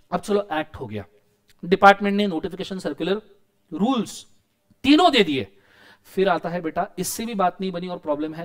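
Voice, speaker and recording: A man with an Indian accent teaches a class in a lively, animated manner. His voice sits high for a man. He keeps asking his students whether things are clear and acts out quoted lines as he goes.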